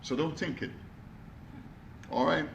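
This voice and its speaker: A motivational speaker with a gravelly, slightly high voice delivers an energetic talk to a live audience at a slow pace, tossing questions to them along the way. His tone carries a rough, creaky edge. The room echoes, and a faint hiss sits underneath.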